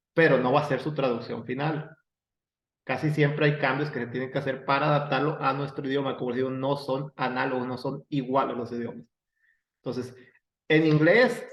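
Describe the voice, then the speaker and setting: A man with a Mexican accent teaching English grammar, explaining step by step with digressions and self-corrections. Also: on the high side. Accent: Mexican Spanish. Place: room with a whiteboard. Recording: echoey room, dull lo-fi sound.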